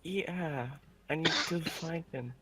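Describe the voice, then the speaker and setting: A player voicing a drunk elven woman who talks softly about finding her brother. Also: medium pitch, takes it slowly, crowd noise, pitched above the performer's own voice, natural voice. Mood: drunk, wistful. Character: drunk elven woman Vestal, fancy and grieving.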